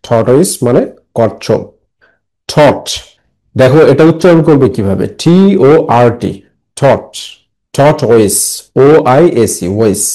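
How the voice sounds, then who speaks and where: A man's voice: medium pitch, warm tone, rough recording. A man teaching an English lesson to young students, reading a story line by line and translating and repeating each phrase patiently. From Bangladesh.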